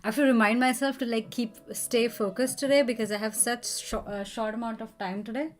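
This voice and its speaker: A woman's voice: a little high, steady tone, fairly quick. A woman live-streaming a coding session, thinking aloud and chatting with viewers as she works.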